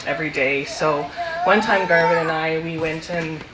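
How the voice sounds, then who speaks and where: A woman giving a fond, soft-spoken funeral eulogy for a family member, sharing stories with light laughter. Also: sits low, normal speed, very noisy. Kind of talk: funeral speech with anecdotes. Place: funeral hall. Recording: echoey hall with faint ambience.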